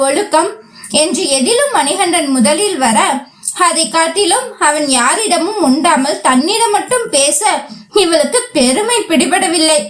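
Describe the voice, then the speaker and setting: A woman narrating a novel as an audiobook, voicing the characters' dialogue in a lively way. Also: sits high. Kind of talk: storytelling narration with voiced dialogue. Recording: roomy echo.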